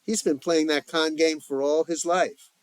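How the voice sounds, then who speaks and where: A man playing a calm lecturing liberal. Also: on the high side, a little slow, smooth, dry recording, pitched above the performer's own voice, natural voice. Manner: reasoning, lecturing.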